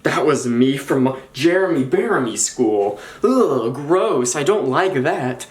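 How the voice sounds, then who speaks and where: A man's voice: medium pitch, lively intonation, takes it slowly, reverberant. A man putting on a male demon who groans with disgust at an old picture of himself. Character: disgusted male demon recalling his past.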